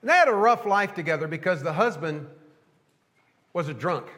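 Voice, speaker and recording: A male pastor delivering a sermon in a folksy storytelling way, pausing between phrases to let them land. His voice sits high for a man. A long reverb from the sanctuary trails behind every word. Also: animated, a bit bright. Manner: folksy storytelling, drawn-out rhetorical pauses.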